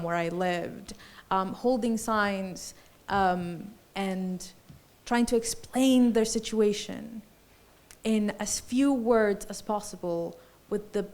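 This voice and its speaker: A woman's voice: mid-range voice, a little mellow. A woman in her forties, from Colombia, speaking reflectively and lyrically as a panelist at a festival discussion, with many fillers and restarts.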